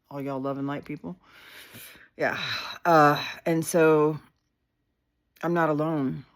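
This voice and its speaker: A woman with a notably low, deep voice talks into her phone on a live stream. She is heartfelt and candid, loose with fillers and an occasional swear word. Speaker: community leader hosting a live video. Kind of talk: casual livestream talk.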